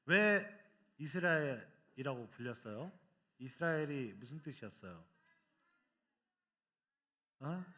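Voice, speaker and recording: A man preaching at a children's worship service, telling a funny story with lively energy and quizzing the kids with questions as he goes. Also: fairly high pitch.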